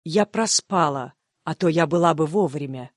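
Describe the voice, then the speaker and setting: A woman repeating example sentences calmly and carefully for a language course. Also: sits low, normal speed, no echo, clean studio sound. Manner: calm, careful enunciation. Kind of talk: scripted phrase reading.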